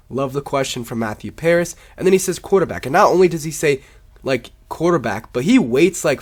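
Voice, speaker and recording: A man with a congested, sore-throated sick voice gives casual, opinionated sports commentary as a video host in an informal, rambling way. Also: mid-range voice.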